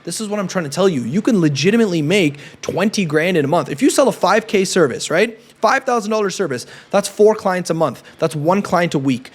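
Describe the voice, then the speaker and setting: A man from Canada, in his thirties, speaks straight to camera as a business coach. His voice sits high for a man. He drives each point home with emphatic, persuasive energy and tags lines with a quick "right?". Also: expressive, slightly rough. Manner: emphatic and persuasive, often adds a questioning "right?". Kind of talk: direct-to-camera coaching talk.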